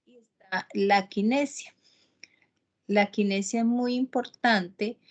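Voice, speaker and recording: Slow, halting woman giving an online lecture. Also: mid-range voice, a little mellow. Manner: slow and halting, many "eh" fillers and restarts. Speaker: teacher.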